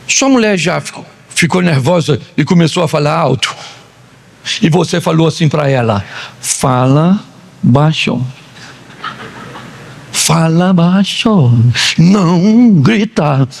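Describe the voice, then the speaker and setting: A man's voice: sits high, vocal fry. A man, a pastor preaching a humorous sermon full of jokes and acted-out quotes. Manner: animated, joking storytelling with acted-out quotes.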